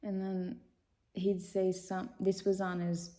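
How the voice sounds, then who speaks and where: A woman's voice: mid-range voice, monotone, slow pace, warm tone. A young woman vlogger telling a personal story in a casual, rambling way, giggling nervously now and then.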